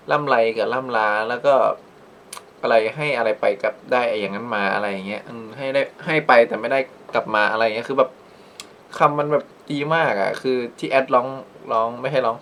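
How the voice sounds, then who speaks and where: A man's voice: mid-range voice, a bit bright, slight background noise. A man hosting a reaction channel, chatting casually about a performance, rambling with lots of restarts and polite phrasing.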